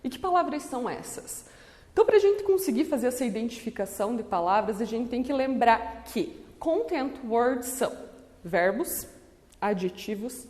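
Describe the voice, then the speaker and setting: Woman teacher, slightly high, lively delivery, reverberant recording. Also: slight background noise. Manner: switches between English and Portuguese, checks in with "okay?". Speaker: English teacher. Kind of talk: classroom lesson explanation. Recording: long reverb.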